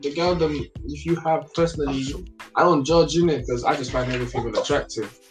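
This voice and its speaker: A young man with a London accent, chatting casually in slang and explaining himself in halting, animated bursts. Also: on the high side, music in the background. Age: young adult.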